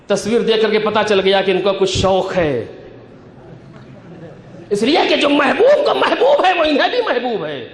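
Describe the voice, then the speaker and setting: High-pitched impassioned preacher in an echoey hall. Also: male voice. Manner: preaching with rising shouted peaks and quotes in Arabic. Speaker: Shia cleric giving a majlis sermon. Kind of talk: impassioned religious sermon.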